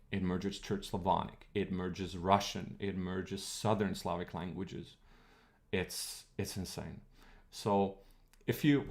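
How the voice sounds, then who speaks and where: Croatian native guy streaming a language lesson, lowish voice, lots of fry, rambles and thinks out loud. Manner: chatty, digressive, thinking aloud with fillers. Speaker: streamer teaching linguistics. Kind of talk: casual live-stream lecture.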